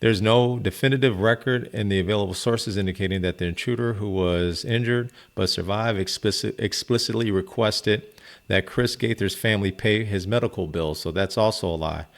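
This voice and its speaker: A man's voice: lowish voice, moderate pace, creaky. A man giving casual, conversational video commentary as he fact-checks. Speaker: commentator debunking a viral post.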